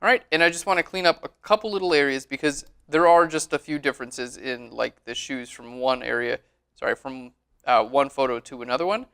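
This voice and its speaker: A man giving a relaxed, chatty screen-recorded tutorial on photo editing, often saying "all right". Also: medium pitch, brisk, clear, resonant tone.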